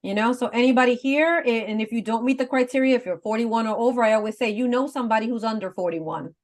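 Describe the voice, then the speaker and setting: A woman's voice: a little high, fast talker. Earnest woman in her fifties explaining. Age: 50s. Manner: earnest, explains step by step, laughs easily. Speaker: guest advocate. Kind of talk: casual explanatory chat.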